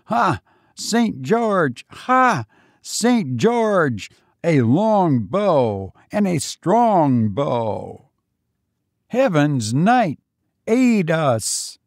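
A man's voice: high-pitched, very animated, very slow, dry recording, studio quality, pitched above the performer's own voice, heavily acted. A man voicing phantom medieval archers chanting battle cries for a saint's aid. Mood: fervent. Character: spectral medieval bowmen crying for aid.

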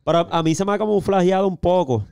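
A man's voice: high voice, fast, gravelly, darkish tone, clear, resonant tone, no echo, studio quality. A man with a rural Puerto Rican accent hosting a podcast, chatting in a laid-back way and dropping slang. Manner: laid-back, laughs along, drops slang. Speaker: podcast host. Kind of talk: casual chat.

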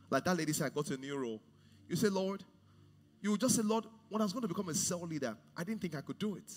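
A man in his forties preaching a sermon on a large church stage, swinging from hushed to loud. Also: high-pitched, husky, in a large hall. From Nigeria. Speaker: pastor.

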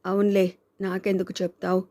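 A woman's voice: mid-range voice, monotone, brisk, warm tone, no echo, natural voice. A woman voicing a caring, outspoken young woman who speaks in a pleading, reproachful way.

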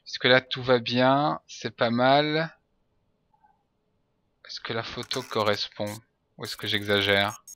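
A man's voice: medium pitch, steady tone, slow, long pauses, sharp tone, smooth, no echo. A man giving let's play commentary, jokingly playing a stern border guard in a mock-authoritarian manner.

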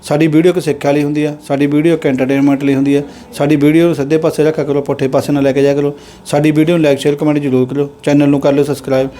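A man's voice: a little high, little pitch movement, dark tone, a little hiss or hum. A young man with a Punjabi accent, hosting a casual interview and giving earnest, moralizing commentary. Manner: earnest, moralizing, speaks in drawn-out phrases. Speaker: interviewer and channel host.

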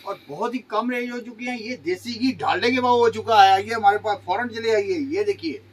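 High-voiced man with jokey sales patter. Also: a little fast, far from the mic. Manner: jokey patter with food sayings, urging buyers to come. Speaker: shop seller. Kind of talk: sales pitch. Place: small clothing shop, sitting on floor.

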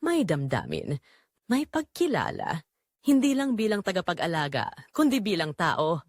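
In a scripted first-person drama, a woman with a Filipino accent plays an earnest young caregiver revealing her inner turmoil. Her lowish, slightly mellow voice is very animated and moves at normal speed, recorded dry in a clean studio.

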